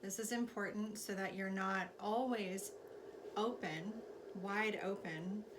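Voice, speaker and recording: A woman teaching a spiritual class and guiding a meditation in slow, deliberate phrases with pauses. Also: medium pitch, steady tone. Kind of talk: guided meditation and spiritual instruction. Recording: clearly noisy recording with background ambience.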